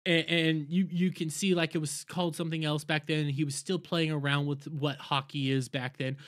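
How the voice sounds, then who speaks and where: A man's voice: fairly high pitch, flat delivery, normal speed, no echo, studio quality. A man delivering an opinionated commentary rant, indignant and emphatic, repeating phrases for stress. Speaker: commentary video host.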